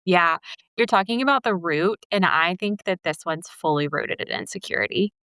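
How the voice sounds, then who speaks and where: A woman in her twenties, a podcast co-host and couples counselor, talking in a casual, animated way with lots of "like.". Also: on the low side, normal speed, smooth, no room sound. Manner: animated, fills speech with "like".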